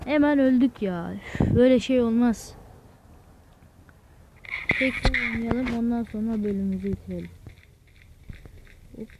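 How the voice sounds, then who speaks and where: A young man hosting a mobile gaming channel, giving excitable, casual commentary while he plays and talks to his viewers. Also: very high voice, noisy background. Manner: excitable, keeps urging "vur vur" at enemies and talking to viewers. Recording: loud game sound effects behind the voice.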